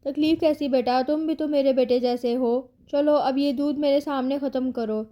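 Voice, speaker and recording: A woman's voice: high voice, fairly even intonation, lo-fi sound, lightly acted. A woman reading the lines of a scheming, bitter middle-aged aunt in a romance storybook, spiteful and falsely sweet.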